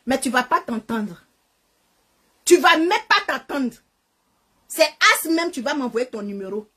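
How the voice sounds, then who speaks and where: High-pitched woman ranting insults at a phone. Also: fairly bright tone. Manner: insulting, confrontational, taunting. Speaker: social media live streamer. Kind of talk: angry insult-filled rant to a phone. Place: living in Canada. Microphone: phone camera.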